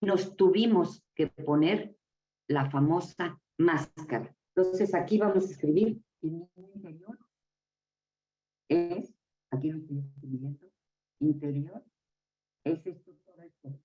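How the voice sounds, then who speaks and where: A woman's voice: low voice, unhurried, long pauses. A middle-aged woman leading a live workshop, exclaiming and calling out to her group. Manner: expressive, exclaiming, calls out to the audience. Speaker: workshop facilitator. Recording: echoey, dull lo-fi room from far off.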